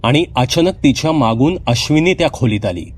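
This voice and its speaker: Husky man narrating a horror story. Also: medium pitch, lively intonation. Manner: measured, suspenseful.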